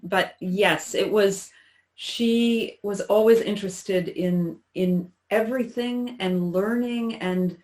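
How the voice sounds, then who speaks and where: A woman in her sixties recalling her childhood in an interview, talking in a halting, reflective way with many restarts. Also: medium pitch, a little mellow, rough recording. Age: 60s. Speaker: interview guest. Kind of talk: personal recollection in conversation.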